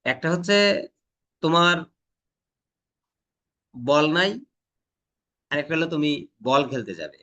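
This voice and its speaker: A man lecturing a class, pausing often to ask whether the students have caught his point. He hammers on sounds to show how stress changes a word, his voice sitting a little higher than most men's. The talk is unscripted and conversational, as in a classroom. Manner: demonstrates pronunciation with loud emphatic stresses. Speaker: teacher.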